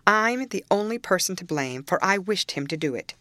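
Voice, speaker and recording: A woman voicing a proud, sharp-tongued young woman in an audiobook, bold, taunting and insistent. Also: sits high, expressive, normal speed, no echo, pitched above the performer's own voice. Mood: pleading, defiant.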